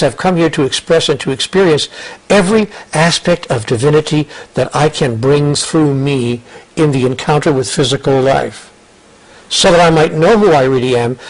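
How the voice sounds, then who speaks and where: Earnest older man, husky voice. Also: fairly high pitch, low-quality recording. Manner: earnest, repeats words and restarts, quotes others in lively asides. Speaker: interview guest, author. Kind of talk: reflective conversational storytelling.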